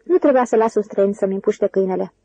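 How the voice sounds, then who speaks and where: A woman's voice: mid-range voice, mellow, no room sound, lightly acted. A woman voicing a regretful old man who works on a ranch, in an audiobook.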